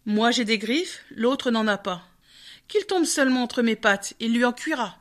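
A woman's voice: a little high, expressive, measured pace. A woman voicing a heavy, bossy male bear who rules the forest, blunt and boastful in a storybook reading. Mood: gruff.

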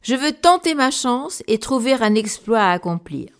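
A woman's voice: a little high, lively intonation, normal speed. A woman voicing a poor, determined young male viking in a storybook, speaking earnestly.

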